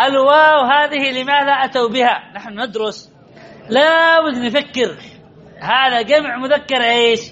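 High bright male grammar teacher. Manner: questions students by name, teasing, repetitive drilling. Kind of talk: classroom lesson. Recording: dull lo-fi recording.

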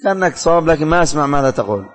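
A man's voice: on the high side, lively intonation, racing, big-room sound, soft background music. A man teaching a religious studies class, calling on students by name, asking questions and repeating the answers.

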